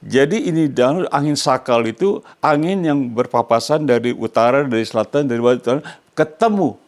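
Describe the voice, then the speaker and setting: An older Indonesian man with an Indonesian accent preaches a sermon to his congregation at normal speed in a mid-range voice. He is emphatic and often asks the congregation questions so they complete his phrases.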